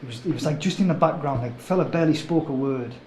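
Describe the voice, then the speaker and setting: A man playing a witness telling his story under questioning, loose and hesitant, full of "like" and "well." His mid-pitched voice rings in a roomy interview room with faint noise behind. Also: fast talker, a little mellow, lightly acted. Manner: hesitant, casual, filler-heavy. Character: young male witness recounting a kidnapping.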